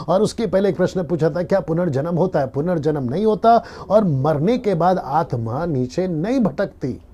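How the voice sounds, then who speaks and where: Pastor, male, mellow dark tone, live-stream sermon, earnest teacher. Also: a little high, animated, moderate pace, a little hiss or hum. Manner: earnest teaching, repeats key lines, quotes scripture.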